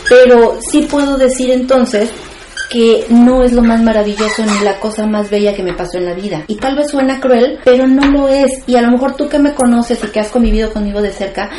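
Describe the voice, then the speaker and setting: A woman's voice: fairly high pitch, a little fast, warm tone, a little hiss or hum. Frank woman in an echoey room. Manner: frank, reflective, wry humor. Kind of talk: casual candid conversation.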